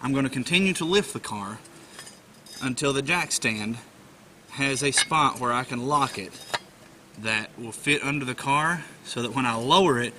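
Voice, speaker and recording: A DIY car repair presenter with a slight head cold walks through a repair step by step in a casual how-to. His mid-range voice moves at a moderate pace, plainspoken and patient, with frequent fillers, and there's background noise.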